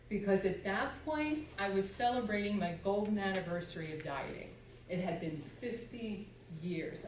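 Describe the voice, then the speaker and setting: A woman in her sixties, speaking in a mid-range voice, shares a funny personal testimony with a church congregation and acts out things she once said. The recording was made from a distance in an echoey sanctuary, with some background noise.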